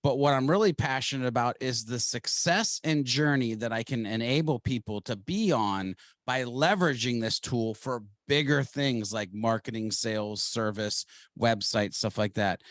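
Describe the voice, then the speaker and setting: A man from Ohio, a podcast guest, telling his story in an animated, fast-moving way. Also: mid-range voice, dry recording. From Ohio, United States. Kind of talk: interview storytelling.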